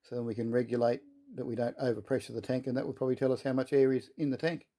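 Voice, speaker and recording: A man's voice: mid-range voice, little pitch movement, racing, mellow. A man talks casually and chattily to viewers while working in his shed, in a folksy, self-deprecating way. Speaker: host of a workshop video update. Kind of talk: casual workshop vlog, talking while working. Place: workshop shed.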